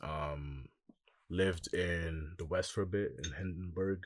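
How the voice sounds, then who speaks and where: A young man with a very deep, low voice tells his story in a relaxed, reflective way, often pausing on "um" and "like". He speaks as a musician guest in a casual interview. The sound is close and dry, with no room around it. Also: dry recording. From Congo.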